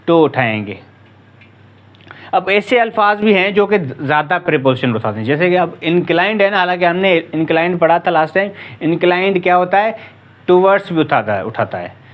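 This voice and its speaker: A man's voice: high-pitched, sing-song, moderate pace, lo-fi sound. A man teaching English grammar to students, reading words off a board one by one, often stumbling and restarting half-said words. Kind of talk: classroom lesson at a board. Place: classroom with a board.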